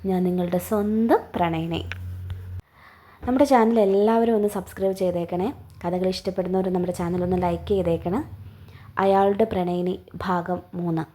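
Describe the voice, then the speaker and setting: A young woman reads a story as its heroine, chatty and teasing, talking straight to her listeners. Her voice is husky, with a soft grain. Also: fairly low pitch, fairly even intonation, moderate pace. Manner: chatty, teasing first-person narration. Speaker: audiobook narrator. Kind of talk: storytelling narration.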